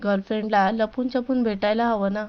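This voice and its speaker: A woman's voice: medium pitch, fairly even intonation, fairly quick, clean tone, muffled recording, close to an everyday voice. A woman voicing a playful young man who teases his fiancée affectionately, in a storybook reading. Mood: teasing. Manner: teasing, affectionate.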